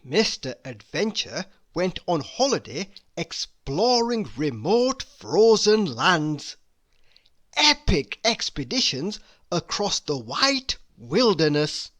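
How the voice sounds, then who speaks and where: With a mid-range voice, a storybook reader narrates for young listeners in a deliberate, expressive manner, stretching key words to give them weight.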